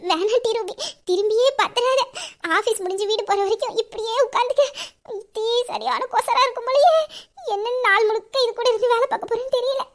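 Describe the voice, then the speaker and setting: A woman voicing a sharp-tongued young office assistant in an audio drama, grumbling asides under her breath. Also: very high voice, brisk. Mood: flustered. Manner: grumbling asides, exasperated muttering. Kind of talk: Tamil audio drama acting.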